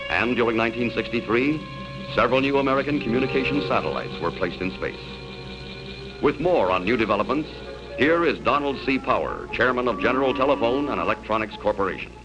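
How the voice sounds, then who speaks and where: A man narrating an old 1960s newsreel in a formal announcer style, with a newsreel sound. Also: rough recording. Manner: formal announcer delivery, lively pitch.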